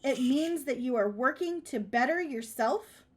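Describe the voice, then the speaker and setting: A woman's voice: sits high, animated, unhurried. A woman co-hosting a casual chat show, giving emphatic advice and repeating her key points. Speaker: podcast co-host.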